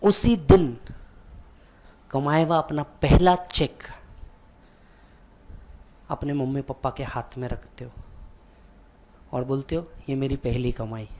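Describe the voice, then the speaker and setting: A man's voice: a little high, slow pace, long pauses, a little mellow, slight background noise. A man who teaches exam students, telling a vivid motivational story and speaking directly to the listener.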